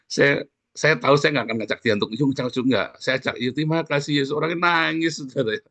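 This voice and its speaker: A man's voice: a little high, gravelly, dry recording. A male pastor giving a sermon in a conversational way, often addressing the congregation directly. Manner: sings short worship lines softly and slowly.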